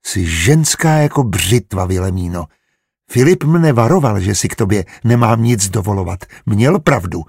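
A man's voice: fairly low pitch, lively intonation, darkish tone, no room sound, clean studio sound. A man reading as a smug, charming spy. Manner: amused, smooth-talking.

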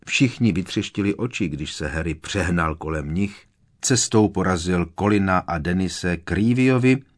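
A man reading a novel aloud as an audiobook narrator, in an expressive, dramatic way. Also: low-pitched. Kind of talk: scripted narration.

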